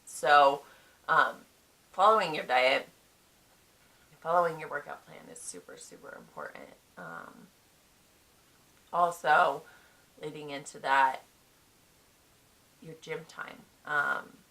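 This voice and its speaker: A woman's voice: deep voice, vocal fry, sharp tone, rough recording. A young woman talking casually to camera, giving frank advice on competing, with many ums. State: chewing a cough drop. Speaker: bikini fitness competitor.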